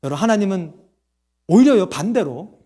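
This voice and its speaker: A man's voice: high voice, animated, moderate pace, warm tone. A man preaching a sermon as pastor, asking the congregation questions and answering them himself, and acting out quoted voices.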